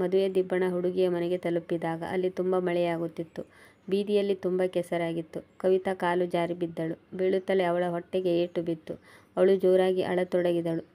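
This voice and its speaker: A woman narrating a moral storybook tale in a steady, even read-aloud manner. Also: lowish voice, gravelly.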